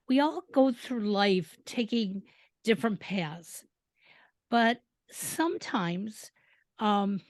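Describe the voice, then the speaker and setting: A woman's voice: mid-range voice, no echo, studio quality. A woman from Detroit hosting a podcast, talking in a loose, conversational way with many fillers. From Detroit, Michigan. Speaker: podcast host. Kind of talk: casual interview chat.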